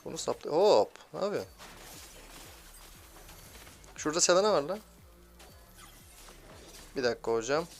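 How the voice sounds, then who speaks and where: A young man giving excitable, grumbling commentary while playing a mobile game, swearing at teammates. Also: fairly high pitch, unhurried, vocal fry, pauses often, soft background music. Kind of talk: live gameplay commentary.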